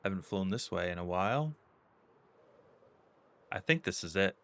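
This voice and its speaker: A man's voice: deep voice, lively intonation, moderate pace, fairly bright tone. A man giving casual gameplay commentary, chatty and self-mocking, with jokey asides to his viewers. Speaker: gaming YouTuber.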